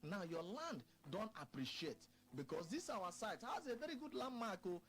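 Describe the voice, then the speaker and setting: A woman with a Nigerian Pidgin accent giving a persuasive, emphatic radio sales pitch, repeating herself to press the point. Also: sing-song, normal speed. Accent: Nigerian Pidgin, Port Harcourt area. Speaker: estate sales presenter.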